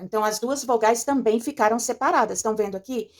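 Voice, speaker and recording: A woman teacher talks through a textbook lesson in a slightly high voice. She explains step by step with patience, often pausing to ask her pupils if they follow. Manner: patient, explanatory, checks in with "certo?" and "tá?". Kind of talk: recorded remote lesson walking through a textbook.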